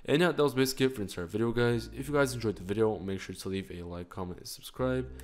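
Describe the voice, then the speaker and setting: A young man hosting a casual screen-recorded game tutorial, upbeat and quick, saying "guys" all the time. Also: on the low side. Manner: upbeat, fast, says "guys" constantly. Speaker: channel host.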